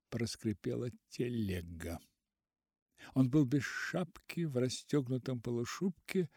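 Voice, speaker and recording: Slow, dark-voiced male narrator. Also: mid-range voice, husky, dry recording, clean studio sound. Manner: slow, measured, intense storytelling. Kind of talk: dramatic audiobook narration.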